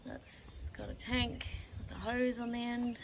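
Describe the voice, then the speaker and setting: Her voice sits on the high side, monotone and unhurried, as she gives offhand commentary while exploring a bush campsite outdoors. The camper films her walk-around vlog on a handheld phone or camera from behind the lens, thinking aloud and letting sentences trail off amid background noise.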